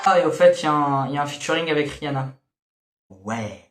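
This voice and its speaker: A man reviews albums in a loose, grumbling way, often stopping on fillers. His voice sits a little high. The room around him is echoey. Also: lively intonation, brisk, soft background music. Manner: grumbling, hesitant, many fillers. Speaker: music reviewer. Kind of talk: casual review commentary.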